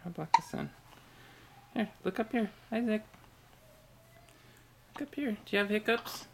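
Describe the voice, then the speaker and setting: A woman coaxing a baby in soft, sing-song baby talk in a home video, filmed with a handheld camera on a bed at home. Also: mid-range voice, unhurried, creaky, a little hiss or hum. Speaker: parent talking to a baby. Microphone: handheld camera mic.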